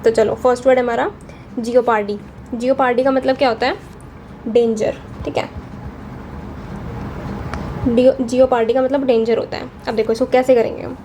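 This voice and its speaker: A woman's voice: fairly high pitch, little pitch movement, normal speed, pauses often, dark tone, slight background noise. A young woman teaching vocabulary in a casual Hinglish lesson, chatty and often checking in with her students. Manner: chatty, checks in with frequent "theek hai".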